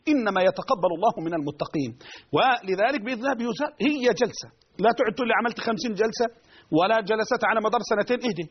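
A man's voice: sits high, breathy edge. A man with an Egyptian accent giving religious advice to callers, emphatic and repeating his key phrases, heard on a lo-fi radio broadcast. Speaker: religious preacher answering callers.

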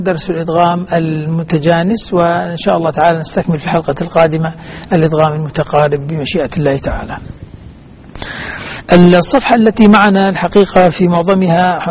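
High-voiced man teaching in formal standard Arabic. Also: fast. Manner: didactic, enumerating and repeating points. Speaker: host and teacher of a Quran recitation programme. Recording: dull band-limited broadcast with faint noise.

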